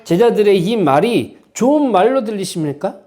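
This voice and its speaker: A man with a high, dark voice preaches an impassioned Sunday sermon as senior pastor in a church sanctuary. Animated and at a moderate pace, he keeps asking the congregation rhetorical questions and tacking on prompting "eh?" tags.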